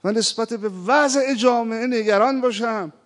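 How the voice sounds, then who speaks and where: A man preaching a sermon, moving from quiet reflection to impassioned appeals and slowly chanting verses. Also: very high voice. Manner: impassioned, rising to emphatic appeals; recites verses in a slow chanting tone. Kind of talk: religious sermon. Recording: reverberant hall.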